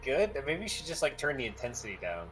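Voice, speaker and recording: A man co-hosting a comedy movie podcast, mocking the film in a dry, deadpan way. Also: medium pitch, fast talker, poor audio. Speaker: co-host. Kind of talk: casual comedic movie commentary. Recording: podcast with music bed.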